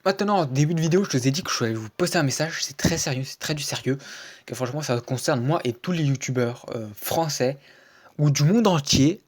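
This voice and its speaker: A man's voice: fairly high pitch, animated, a little fast. Rambling young-sounding male game commentator. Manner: rambling and hesitant, full of fillers and restarts; keeps repeating stock phrases. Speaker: video game channel host. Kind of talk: casual gameplay commentary. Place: home screen recording, voice-over.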